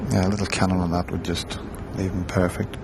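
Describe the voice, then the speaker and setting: A man giving hushed, low-key, conversational snooker commentary as part of a broadcast. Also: little pitch movement, a little fast. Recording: noisy live arena broadcast.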